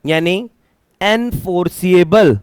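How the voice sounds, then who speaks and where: High-voiced male teacher, questioning. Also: takes it slowly, clear, resonant tone, no room sound, clean studio sound. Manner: questioning, drills students with repeated questions; mixes Hindi with English terms. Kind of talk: classroom lecture. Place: classroom.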